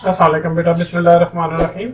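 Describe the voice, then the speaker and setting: High-voiced man teaching English. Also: level tone, racing, recorded from a distance, noisy background. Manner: explains step by step, keeps saying "ठीक है"; mixes English words and phrases into his talk. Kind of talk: online lecture.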